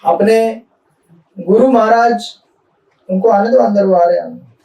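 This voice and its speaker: High-voiced guy giving a chatty devotional talk, keeps asking the crowd stuff, echoey room from a distance. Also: a little slow, gravelly, mellow. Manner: conversational, asks the audience questions. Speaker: spiritual speaker. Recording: echoey hall, mic from a distance.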